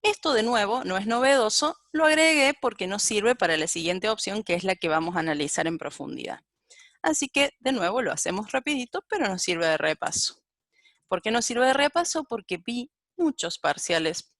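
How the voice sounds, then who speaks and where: Woman teaching programming, slightly gravelly. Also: medium pitch, lively intonation, moderate pace, fairly bright tone, no echo, clean studio sound. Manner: thinks aloud while typing, corrects herself. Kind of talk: live-coding lecture.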